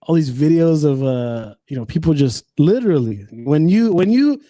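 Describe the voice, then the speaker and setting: A man's voice: fairly high pitch, lively intonation, normal speed, dark tone, dry recording. A man in his twenties, a podcast guest in casual chat, rambling with many restarts and swearing freely. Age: 20s.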